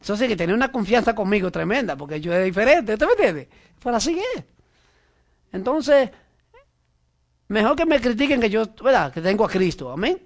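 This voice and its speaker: A man's voice: high-pitched, big pitch swings, fairly quick, long pauses. A man preaching a conversational sermon, often asking his listeners if they follow and adding amen. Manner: frequent "¿verdad?" and "amén" asides, addresses listener directly.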